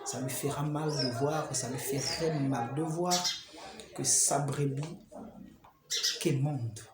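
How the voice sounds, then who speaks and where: A man's voice: mid-range voice, slow pace, noisy background. A man with a Congolese French accent giving informal preaching advice, conversational, with rhetorical questions and chuckling asides. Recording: roomy hall with crowd behind.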